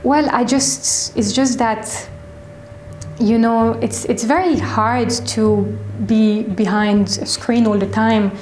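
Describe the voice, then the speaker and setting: A woman in her twenties with a French accent answers interview questions thoughtfully, with a slightly high voice. She stops and restarts her sentences as she goes. The room adds a clear echo and a faint hiss. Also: fairly even intonation, slow, a little mellow. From France. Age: 20s. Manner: reflective, hesitant with fillers and restarts. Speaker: shop owner interviewee. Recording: echoey room.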